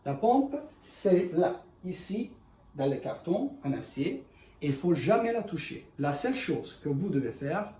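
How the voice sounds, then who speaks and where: A man in gives an unscripted product demonstration in halting, self-correcting, speech. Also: a little high, very animated, dark tone. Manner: halting non-native French with self-corrections. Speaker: ice cream machine presenter. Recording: echoey room, distant mic, faint noise.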